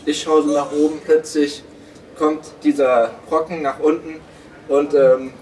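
A man's voice: on the high side, level tone, a little slow. A young man telling a story in casual chat, rambling with many fillers. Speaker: podcast co-host. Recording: distant room mic with clear background noise.

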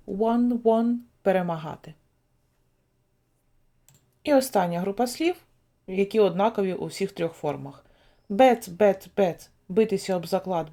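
Slow, mellow-voiced woman teaching vocabulary. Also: mid-range voice. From Ukraine. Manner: recites word forms slowly, then gives each meaning. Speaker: English teacher. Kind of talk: slow dictation-style vocabulary lesson.

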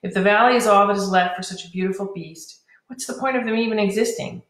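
In a storybook reading, a woman with a mid-range, natural voice speaks quickly as she voices an earnest, wistful young man who trains dragons. She delivers his lines heartfeltly, and the recording has a roomy echo.

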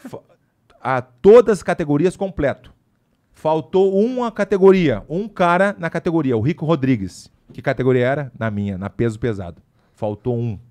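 A man, a podcast guest, telling a story casually in an animated, slangy way with lots of asides. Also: on the high side, moderate pace.

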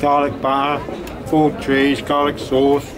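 English man chewing, loud street noise. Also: fairly high pitch, completely flat delivery, takes it slowly. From England. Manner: enthusiastic, savouring each bite. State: chewing with mouth closed. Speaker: food vlogger. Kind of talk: casual food-tasting vlog. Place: outdoors on a city street. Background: traffic and city ambience.

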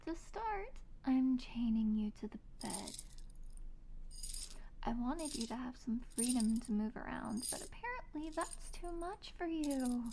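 Woman acting sweetly obsessive yandere, high ASMR role-play. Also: big pitch swings, creaky, mellow, a little hiss or hum, heavily acted, rough recording. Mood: menacing, controlling. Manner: sweet, eerily obsessive, slow teasing delivery. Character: possessive, teasing, sadistic yandere woman captor.

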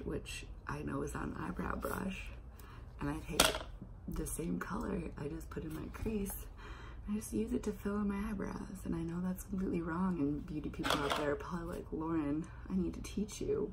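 Sitting indoors in her bedroom, a young woman in her twenties does her makeup and talks through a relaxed get-ready-with-me video as a lifestyle vlogger. She's losing her voice, so it comes out lowish and creaky in a quiet half-whisper meant not to wake roommates, full of rambling, self-deprecating asides. A phone or laptop camera at arm's length captures it, and the recording is very noisy.

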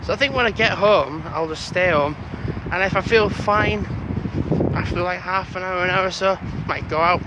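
A man's voice: high-pitched, normal speed, heavy background noise. Rambling man walking outdoors. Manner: rambling, chatty, talks to the camera while walking. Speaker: vlogger. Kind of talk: casual walking vlog. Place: outdoors on a quiet street before dawn.

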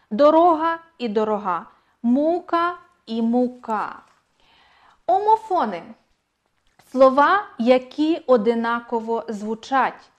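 A woman teacher giving an online exam-prep language lesson, speaking clearly and repeating key points for emphasis. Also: a little high.

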